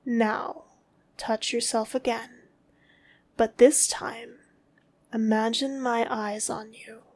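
A woman speaks in a commanding, scornful tone, dropping often into a whisper. Her delivery is very slow and deliberate, with long gaps between short phrases, and her voice sits on the higher side. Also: steady tone, creaky. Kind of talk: scripted dominant roleplay audio.

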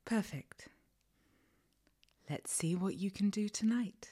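A woman doing a whispered ASMR roleplay, giving slow, commanding instructions in a soft whisper with endearments and quiet laughs. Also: mid-range voice, breathy edge.

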